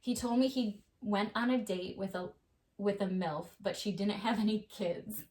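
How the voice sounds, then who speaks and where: Animated, swearing woman telling stories. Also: medium pitch, normal speed. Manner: animated storyteller, swears freely. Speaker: podcast co-host; mother. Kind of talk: casual chat.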